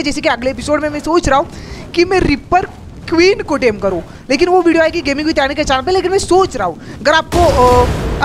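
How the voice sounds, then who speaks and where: A man with commentates his game in an excitable, slangy rush, often repeating himself. His voice sits unusually high and is hoarse from a strained throat. A faint hum of ambience sits behind him. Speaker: gaming YouTuber host. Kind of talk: live gameplay commentary.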